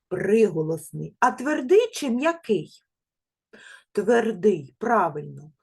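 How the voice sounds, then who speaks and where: Kindergarten teacher lady, super lively sing-song pitch, slow and gentle, stretches out the sounds for the kids. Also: slightly rough. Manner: gentle, praising, uses endearing diminutives. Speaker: preschool teacher. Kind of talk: remote literacy lesson for small children.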